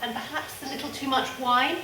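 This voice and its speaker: An actress playing a worried, conventional sister who coaxes and frets in a stage play. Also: female voice, sits high, fairly even intonation, brisk, noisy background, natural voice. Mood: concerned. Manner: anxious, coaxing, proper. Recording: echoey stage sound from a distance.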